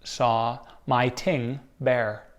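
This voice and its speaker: A man chatting casually and jokily as he thinks out loud in a guessing game, making up playful example sentences. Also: mid-range voice, fairly even intonation, extremely slow. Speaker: contestant guessing slang.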